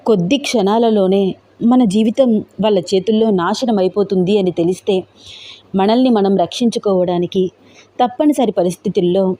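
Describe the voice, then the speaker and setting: A woman's voice: mid-range voice, mellow, close to an everyday voice. A woman voicing a frightened but resolute young woman who explains herself earnestly in a storybook tale.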